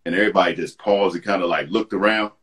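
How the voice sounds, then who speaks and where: A man telling a story in casual chat on a live video call, animated and acting out the voices of the people he quotes. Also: deep voice, fast talker. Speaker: guest.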